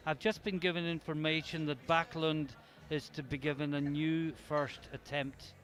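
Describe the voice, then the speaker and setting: A man's voice: a little high, flat delivery, normal speed, fairly bright tone. Chatty male sport commentator. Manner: chatty, explains results.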